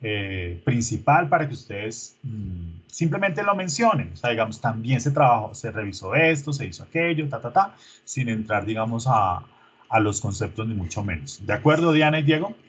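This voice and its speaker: A man's voice: medium pitch, very animated, moderate pace, a bit bright, husky. A man, a teacher coaching his students through an online rehearsal in an informal, coaxing way, full of diminutives.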